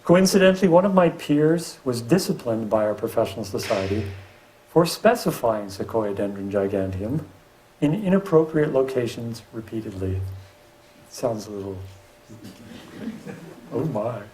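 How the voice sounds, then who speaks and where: A middle-aged male professor lecturing on landscape design, his pitch rising and falling in a lively way. He walks through slides at a middle pitch and drops dry, wry asides. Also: moderate pace, pauses often, slight background noise, poor audio. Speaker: university professor and landscape architect.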